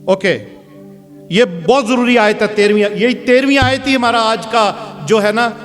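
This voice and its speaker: A man preaching a sermon in a strained, very high register, pushing his voice loud and forceful from the pulpit. His words ring out with a long hall reverb. Soft music plays behind him. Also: steady tone. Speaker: pastor. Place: church hall.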